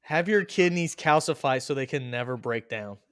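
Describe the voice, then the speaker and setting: A man hosting a casual racing chat podcast, joking and animated. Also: mid-range voice, normal speed, noisy background. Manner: joking, animated, laughs at own bits. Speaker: podcast host.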